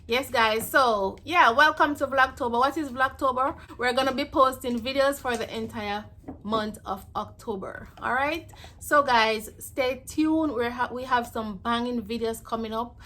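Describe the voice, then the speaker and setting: A woman's voice: a little high, bright, forceful tone, slight background noise. A woman hosting her own home vlog, chatting casually to camera and calling her viewers "guys". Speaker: vlogger hosting her channel. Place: at home, setting up a brunch.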